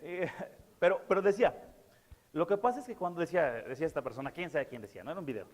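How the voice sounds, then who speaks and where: Expressive and fast-talking, this pastor delivers a sermon in a fairly high, earnest voice, repeating key words and filling gaps between phrases with fillers. A church hall's long reverb surrounds him.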